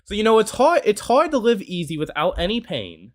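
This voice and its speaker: A twenty-year-old American man gives casual, rambling reaction commentary as a YouTube reactor, peppering his talk with "you know." His voice is high-pitched and very animated, and he speaks fairly quickly.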